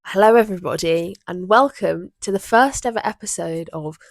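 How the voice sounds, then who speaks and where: A woman in her twenties with a Southern English accent co-hosts a casual podcast chat, rambling and easily sidetracked. Her voice is on the low side and creaky, at a normal speed, in a dry recording made in a room with an open window.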